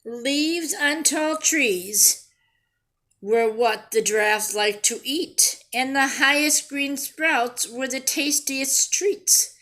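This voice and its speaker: A high-voiced woman, a children's storyteller and teacher, reads a picture book aloud to young kids with expressive, deliberate delivery. She stops now and then to pose simple questions and explain things.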